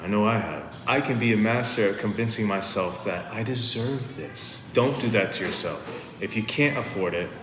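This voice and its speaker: A man's voice: on the low side, moderate pace, few pauses, background noise. A man hosting a vlog, giving earnest, practical advice to camera from inside his home. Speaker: lifestyle vlog host. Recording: echoey room with long reverb, faint ambience.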